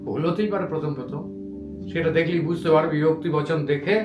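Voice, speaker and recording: A man teaching a grammar lesson to students, patiently reciting word forms slowly one by one. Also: a little high, echoey room, music in the background. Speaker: Sanskrit teacher.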